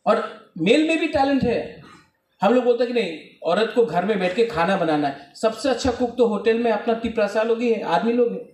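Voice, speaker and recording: Man, high voice; exhorting speech to students; recorded from a distance in an echoing hall. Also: expressive, moderate pace, a little mellow. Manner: exhorting, rhetorical questions to the crowd. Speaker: guest speaker at a student event. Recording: echoey hall, speaker off-mic.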